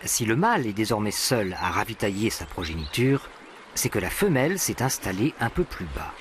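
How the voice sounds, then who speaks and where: A man's voice: on the low side, very animated, normal speed, background noise. A man reading scripted narration for a nature documentary. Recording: animal and bird sounds behind. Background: birdsong and natural ambience.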